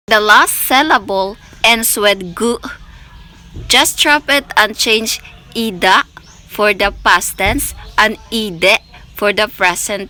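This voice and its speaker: A woman's voice: medium pitch, bright, forceful tone. A woman teaching a language lesson, carefully spelling out syllables one by one. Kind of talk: slow explanatory lesson. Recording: faint background music.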